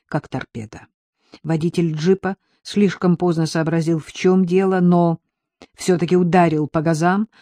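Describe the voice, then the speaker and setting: Audiobook narrator, steady reading, mellow tone, dry studio sound. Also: mid-range voice, dry recording. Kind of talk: scripted narration of an action novel.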